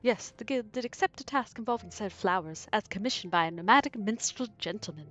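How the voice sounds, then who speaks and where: A woman's voice: mid-range voice, lively intonation, fairly quick, fairly bright tone, soft background music, lightly acted. A woman reading the lines of a polite, formal male guild clerk. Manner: formal, courteous.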